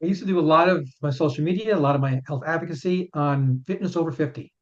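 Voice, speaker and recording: This man in his fifties, a chiropractor who also writes books, responds to interview questions with earnest explanations full of repeated words. He talks fast in a fairly high register, and the audio has a dull, lo-fi quality.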